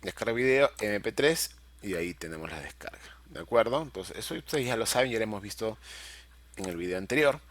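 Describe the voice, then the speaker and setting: A man's voice: fairly low pitch, animated, a little fast, fairly bright tone, a little hiss or hum. A middle-aged man teaching a video-editing class, patiently explaining each step and checking in often with his students. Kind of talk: screen-recorded software tutorial.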